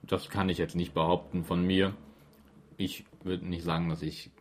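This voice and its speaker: A man's voice: low-pitched, flat delivery, moderate pace, slight background noise. A man co-hosting a casual podcast chat, eager and given to stumbling repeats. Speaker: podcast co-host. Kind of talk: casual chat reviewing a radio play.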